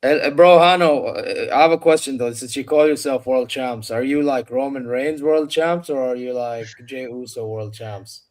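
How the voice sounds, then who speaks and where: A man's voice: medium pitch, moderate pace, few pauses, a little mellow. A man with a London roadman accent and slangy delivery, bantering casually about sport.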